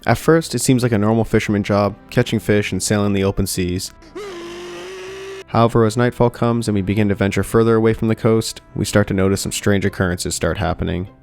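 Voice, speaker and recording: A young man narrates a video game review from a script at his home mic, steady and dry with the odd light joke. His voice sits low. Soft music plays beneath him. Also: fairly quick. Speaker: gaming YouTuber. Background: soft background music.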